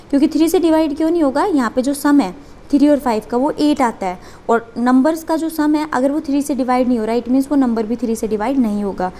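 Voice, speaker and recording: A woman's voice: high-pitched, warm tone. A woman teaching a maths lesson, working step by step and asking and answering her own questions.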